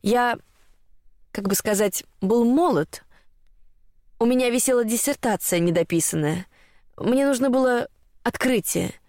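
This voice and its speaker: A young male scholar recalls things haltingly, pausing as he searches for words, as a woman narrator plays him. The reading is close and dry. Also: on the high side, darkish tone, no room sound, natural voice. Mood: hesitant.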